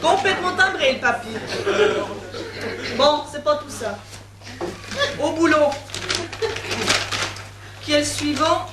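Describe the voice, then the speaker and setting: A woman's voice: high voice, slow, pauses often, a crowd in the background. A woman playing a brazen, mercenary young woman. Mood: cheeky. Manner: cheeky, cynical. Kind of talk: amateur stage comedy. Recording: echoey stage from far off.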